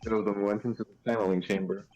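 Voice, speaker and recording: A man's voice: fairly low pitch, little pitch movement, fast talker, darkish tone, soft background music, low-quality recording. A man reading video game dialogue aloud, mixed with casual commentary. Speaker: gaming show player and reader.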